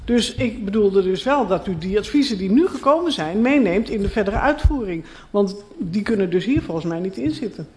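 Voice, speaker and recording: A woman's voice: mid-range voice, expressive, brisk, few pauses, a little mellow. A woman on the council politely pushes back at the alderman and spells out her point, with faint noise in the room. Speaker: council member. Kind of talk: formal council interjection. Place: council chamber.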